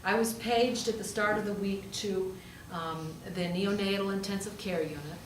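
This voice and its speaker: Here the same pastor and hospital chaplain uses a mid-range voice, keeping a steady tone at a moderate pace. Her sermon tells a story conversationally, leaning on rhetorical questions and repeating points for emphasis. She's picked up from a distance in a roomy space with a little background noise.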